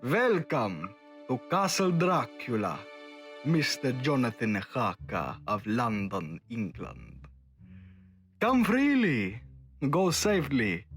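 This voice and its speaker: An actor playing a sinister, courtly vampire count in a radio drama, with theatrical, drawn-out phrasing. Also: male voice, mid-range voice, huge pitch swings, a bit bright, soft background music, full character voice. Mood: grandly welcoming.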